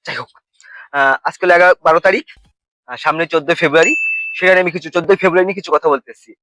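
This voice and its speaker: A man's voice: a little high, rapid-fire, noisy background. A young man with a Bengali accent who rambles through a comic monologue, fumbling his words and slipping into sing-song lines and mock wailing. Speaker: comedy vlogger.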